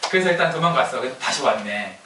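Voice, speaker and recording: Chatty pastor in an echoey hall. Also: male voice, medium pitch, animated, fast talker, background noise. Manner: chatty, often asks the audience, laughs at his own jokes. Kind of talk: casual conversational sermon. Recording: echoey hall, mic at a distance.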